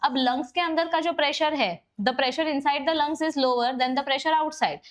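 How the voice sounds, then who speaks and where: A woman's voice: high-pitched, slow pace. A woman biology teacher, giving an exam-prep lecture, explaining step by step and switching to English for key terms. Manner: corrects herself mid-explanation.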